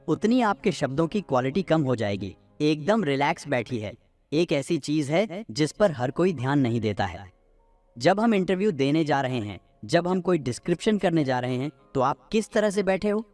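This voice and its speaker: A young man hosting a self-help lesson, earnestly coaching listeners through numbered speaking tips. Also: on the high side. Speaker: voice coach host.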